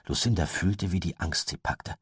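A male audiobook narrator with a low, husky voice reads slowly and expressively. His pitch moves a lot. The sound is dry and close. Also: animated, no room sound. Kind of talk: scripted narration.

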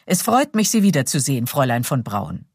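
A woman voicing a low, courteous young gentleman. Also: very animated, brisk, slightly rough, no echo, clean studio sound. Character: young gentleman, late twenties, composed and courteous.

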